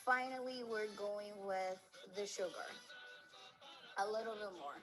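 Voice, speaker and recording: A woman from the Republic, gently explaining a home cooking demonstration step by step. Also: medium pitch, unhurried, poor audio. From Dominican Republic. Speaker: student affairs coordinator. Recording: video with background music.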